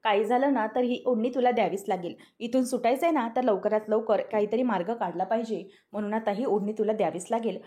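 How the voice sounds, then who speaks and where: A woman voicing a quick-tempered rich young man who scolds and loses patience, in a spoken TV serial recap. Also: a little high, warm tone, close to an everyday voice. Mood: irritated. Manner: scolding, impatient.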